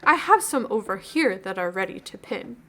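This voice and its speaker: Woman playing a refined, formal gothic gentleman, bright-voiced. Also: medium pitch, lively intonation, moderate pace, pitched below the performer's own voice, natural voice. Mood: quiet pride. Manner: refined, formal, old-fashioned. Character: courteous, formal gothic gentleman, proud butterfly collector. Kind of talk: video game voice-over reading.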